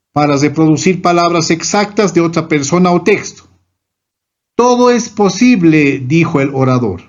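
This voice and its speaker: A man's voice: on the high side, dull audio. A man reading a scripted grammar lesson, going through numbered rules and examples one by one. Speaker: teacher.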